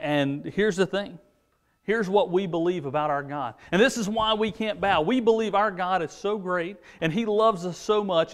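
An American man with a high, light voice teaches a children's church class. He retells a Bible story casually, slipping into quick paraphrased voices for the characters.

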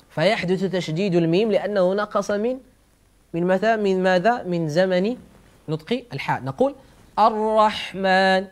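A male Quran recitation teacher giving an explanatory lesson, slowly repeating words aloud to demonstrate how each sound is made. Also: sits high.

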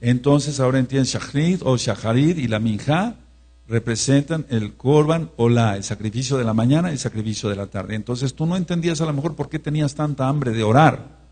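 A man's voice: mid-range voice, a little fast, darkish tone. A man preaching a sermon, emphatic, repeating phrases and leading the congregation to repeat after him. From Mexico.

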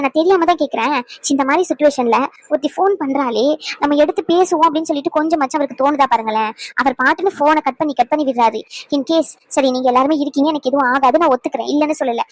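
A woman's voice: high voice, no room sound, natural voice. A woman voicing an upset young daughter-in-law. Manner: complaining, agitated.

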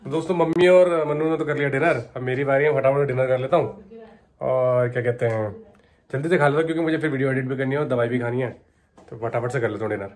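A man's voice: medium pitch, fast. A man narrating a casual family vlog at home, chatty and doting, talking to his baby in between. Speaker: vlogger. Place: home, indoors.

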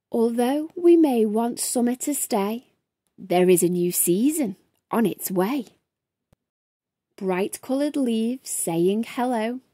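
A woman in her thirties hosts a children's storytime from a small furnished room at home, speaking straight to young listeners with an expressive, sing-song delivery. Her mid-range voice has a dark tone, and the recording is dry and studio quality.

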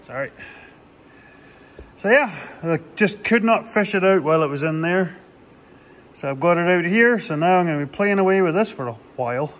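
A man's voice: sits high, lively intonation, normal speed, pauses often, fairly bright tone, big-room sound. A man, a farmer doing his own repairs, talking casually through the job in a plainspoken way with dry sarcastic humor, recorded in a farm workshop. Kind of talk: casual how-to vlog narration.

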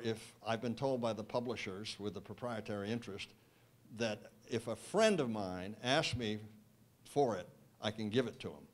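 An older man, a guest speaker, answering audience questions with wry, emphatic, measured replies into a handheld microphone in a wood-panelled banquet room. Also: medium pitch. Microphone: handheld mic.

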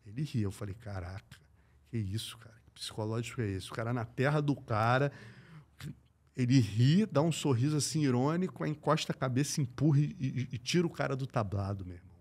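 Man, middle-aged, Brazilian accent, podcast guest, slangy and profane, loud-to-hushed swings, acts out quotes, mid pitch. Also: lively intonation, brisk, slightly rough. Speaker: podcast guest, combat sports journalist. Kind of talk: animated anecdote telling.

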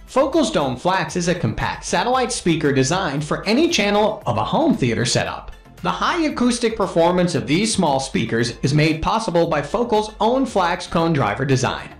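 A man with a high-sitting voice narrates a scripted top-ten countdown for product review videos, reading aloud in a formal, promotional manner. The recording has a roomy sound.

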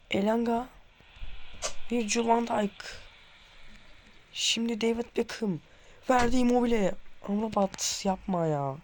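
A man's voice: high voice, a little hiss or hum. A young man playing a football video game, nervously calling out player names to his viewers, saying his hands are trembling, then erupting when a goal comes. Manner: tense and excited, calling player names, bursting into goal shouts. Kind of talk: live gameplay commentary to viewers.

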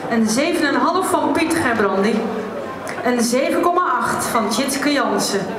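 Woman, event host, brisk and teasing, high voice, very echoey venue, loud crowd. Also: lively intonation. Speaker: host of a poetry slam. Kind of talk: reading scores and questioning jury. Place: live venue hall.

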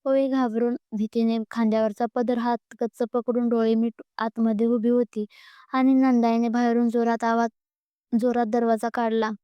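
A woman storyteller reading a scripted narration in a steady, even manner, with occasional slips. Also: on the high side, moderate pace, clean tone, dry recording, dull audio.

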